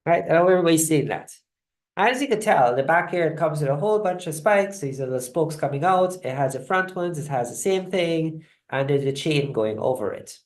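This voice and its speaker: Lady presenting on a video call, chatty and a bit halting, keeps asking right?. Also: sits low, lively intonation, darkish tone. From Guyana. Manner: conversational, halting, often checks in with "right?". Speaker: host of a live online wellness session. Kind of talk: live online presentation. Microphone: video call mic.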